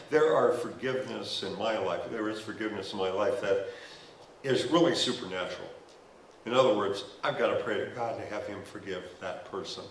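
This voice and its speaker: An older pastor with a fairly low voice gives a conversational sermon with humorous asides, walking the stage and gesturing while speaking into a headset mic. It's recorded from a distance, with roomy church acoustics and slight background noise.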